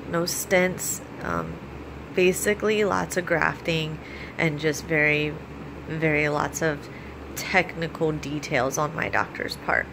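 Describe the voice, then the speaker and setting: An American woman vlogger talking casually and giving practical advice, explaining things in an informal, halting way. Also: low voice. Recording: clearly audible steady background noise.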